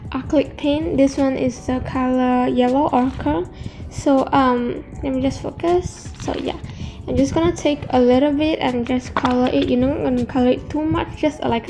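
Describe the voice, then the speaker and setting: High-pitched woman talking with braces. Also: warm tone. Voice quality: speech slightly affected by new dental braces. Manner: halting, self-correcting, hesitant. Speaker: craft tutorial host. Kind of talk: casual hands-on tutorial narration.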